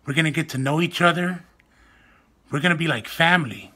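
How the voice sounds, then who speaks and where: A young man casually vlogs to the camera in a small room at home, his voice soft, weak and raspy with a fairly high pitch. He talks slowly in a self-mocking, joking way, recorded on a phone or webcam held close to his face.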